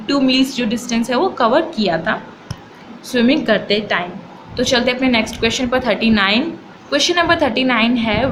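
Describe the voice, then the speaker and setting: A woman teacher gives an exam-prep video lesson. She reads the options slowly and deliberately, then explains them in chatty Hindi. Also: a little high, background noise.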